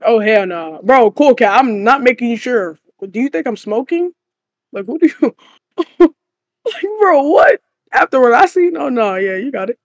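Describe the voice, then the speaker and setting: A man's voice: extremely high pitch, animated, normal speed, no room sound, muffled recording. A man in casual voice chat, talking brashly and teasing as the new sheriff of a roleplay server.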